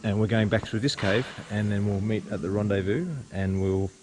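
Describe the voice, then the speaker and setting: A man's voice: on the low side, level tone, fairly quick, a little mellow. A man narrating a casual travel vlog in a wry, understated but appreciative way. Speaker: travel vlogger. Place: mostly outdoors on a tour. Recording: outdoor handheld recording with ambient noise.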